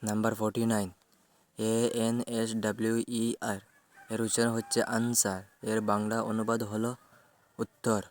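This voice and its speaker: A man with a lowish voice runs through vocabulary, spelling each English word letter by letter. He gives the Bengali meanings in a measured, even tone.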